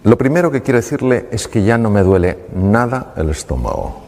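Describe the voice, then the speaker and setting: A man's voice: lowish voice, a little fast. Man telling a story in a hall. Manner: animated, acts out dialogue. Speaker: doctor telling a patient story on stage. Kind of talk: storytelling talk.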